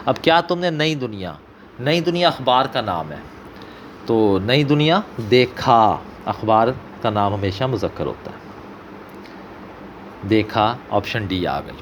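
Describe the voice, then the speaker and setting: A man's voice: medium pitch, a bit bright, slight background noise. Pakistani man teaching an exam paper. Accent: Pakistani Punjabi. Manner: explains slowly, repeats example sentences with stress. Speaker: Urdu teacher.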